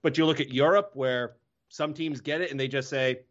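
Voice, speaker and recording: A man's voice: mid-range voice, steady tone, normal speed, a bit bright, highs cut off. A man hosting a hockey podcast in casual chat, often correcting himself mid-sentence. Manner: rambling, self-correcting.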